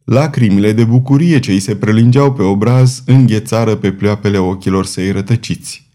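A man narrating an audiobook novel in a measured, dramatic reading. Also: fairly low pitch, mellow. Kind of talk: scripted narration.

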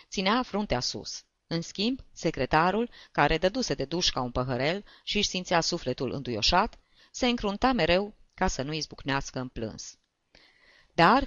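A volunteer reader narrating an audiobook story with expressive storytelling. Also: medium pitch, no room sound, muffled recording.

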